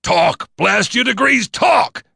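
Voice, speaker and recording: A man voicing a gruff older male chief of a secret agency, snarling and grumbling his lines. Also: sits low, expressive, moderate pace, fairly bright tone, no room sound, clean studio sound, heavily acted. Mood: roaring.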